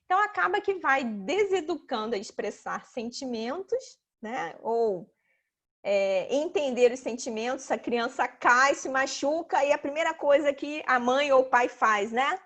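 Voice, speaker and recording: A woman presents a talk over a video call, her voice sitting high. She explains ideas step by step, checks in often with her listeners and slips into lively voices for examples. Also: measured pace. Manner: explanatory, sprinkles "né?", acts out children and mothers in high voices. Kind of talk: casual online talk with slides.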